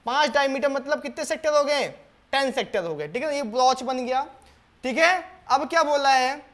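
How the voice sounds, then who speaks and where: A man with a notably high, fairly bright voice works through a board exam maths problem step by step, asking his students questions and answering them himself. He calls them "beta" in a patient, coaxing manner. When reading the English question, he slows down to a careful, word-by-word pace.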